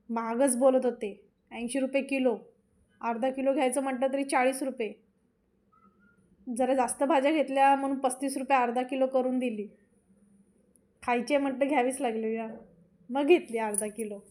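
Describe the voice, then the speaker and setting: A woman's voice: high voice, steady tone, moderate pace, long pauses, a little mellow. A woman hosting a home cooking vlog, chatting homely and straight to her viewers in a casual voice-over. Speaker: cooking channel host.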